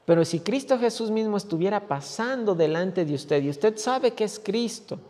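A man's voice: high-pitched, lively intonation, normal speed, a little mellow. A male pastor preaching a sermon, stumbling over repeated words and crying out quoted pleas. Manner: repeats words when stuck, then cries out quoted pleas. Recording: long hall reverb.

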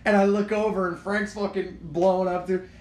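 A young man casually telling a rowdy story with plenty of swearing, acting out his own shouts as he goes. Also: high voice, flat delivery, moderate pace. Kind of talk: casual chat. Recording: echoey room with some noise.

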